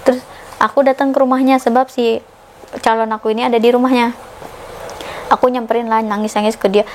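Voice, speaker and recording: Young woman, higher voice, animated podcast guest who acts out quotes. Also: fairly quick, a little hiss or hum. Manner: animated, acts out quoted dialogue with sudden pitch jumps. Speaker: podcast guest telling her story. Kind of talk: casual storytelling.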